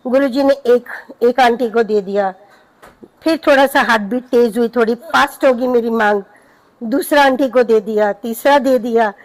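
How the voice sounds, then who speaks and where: A woman's voice: fairly high pitch, moderate pace, poor audio. A middle-aged woman speaking to a congregation, telling a personal devotional story in an earnest, anecdotal way.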